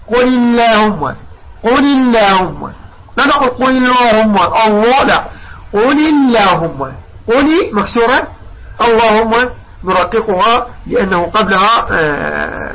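High-voiced man teaching recitation. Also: husky, dull audio. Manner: explains patiently, repeats, stretches out recited examples. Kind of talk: recitation lesson.

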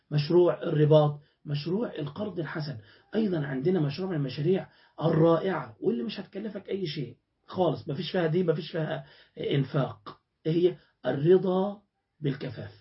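A man's voice: fairly high pitch, dull audio. A man with an Egyptian accent preaching a colloquial religious sermon, often putting rhetorical questions to his listeners. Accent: Egyptian Arabic.

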